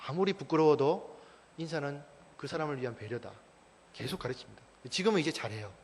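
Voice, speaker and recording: A man's voice: fairly high pitch, lively intonation, a little fast. A man in his thirties, a church staff speaker, giving an emphatic parenting talk to a mothers' group and firing rhetorical questions at the audience. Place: church hall. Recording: long church-hall reverb.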